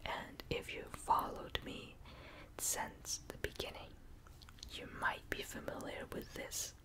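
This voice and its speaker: A young adult whispers a casual ASMR ramble in a soft, breathy voice, close to the listener's ears on a binaural microphone. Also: slow. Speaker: ASMR video maker.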